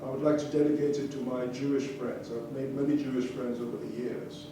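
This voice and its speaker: Talking fairly quickly with fairly even intonation, a mid-range-voiced man tells a live crowd about his life between songs, casually and with fillers and restarts. It's a distant, reverberant concert-hall recording with a noisy background and audience ambience.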